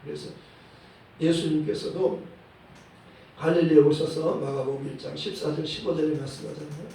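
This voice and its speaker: A male pastor preaching a sermon in a church, in a measured way, often dropping a short "yes" between phrases and quoting verses. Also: on the high side, steady tone, warm tone, a little hiss or hum. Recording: echoey hall, voice from a distant mic.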